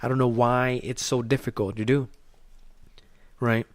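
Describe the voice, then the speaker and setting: Speaking at a slightly slow pace with little pitch movement, this mid-range male voice belongs to a podcast host, a native Spanish speaker. He gives a blunt motivational talk laced with profanity and rhetorical questions, recorded without echo.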